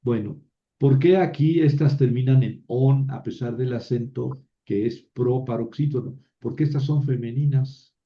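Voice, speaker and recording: Guy teaching greek, reciting the word endings one by one, kinda gravelly, muffled lo-fi sound. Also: mid-range voice, measured pace. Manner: drills word forms aloud one by one. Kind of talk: classroom lecture.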